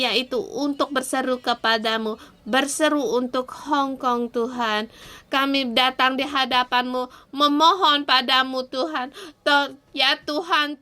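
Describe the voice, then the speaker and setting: A woman's voice: high voice, bright, forceful tone. A woman giving a morning devotion and leading an earnest, pleading prayer in short phrases. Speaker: devotion speaker.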